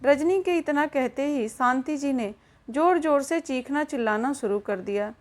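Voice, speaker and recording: A woman with a high voice tells a family drama as scripted narration. She reads at an even pace and speaks each character's lines herself. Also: normal speed. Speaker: storyteller.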